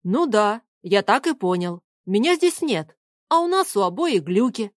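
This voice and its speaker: A woman reading an audiobook, voicing a puzzled, plain-spoken young man in her own mid-pitched voice. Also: very animated, unhurried, no echo, clean studio sound.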